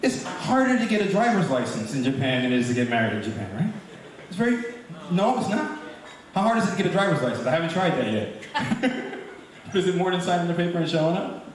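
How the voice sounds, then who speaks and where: A man from Brooklyn, New York, does a chatty stand-up comedy set in a comedy club, teasing the crowd. His voice is a little high, and he talks fast and very animatedly. The live club recording is echoey and captured from far off, with crowd noise.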